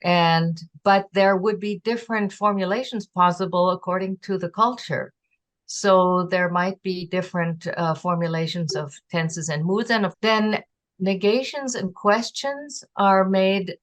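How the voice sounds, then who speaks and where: A woman giving an online lecture on a constructed language, explaining slowly with pauses and sounding out example words. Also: medium pitch. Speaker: presenter teaching a constructed language. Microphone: video call.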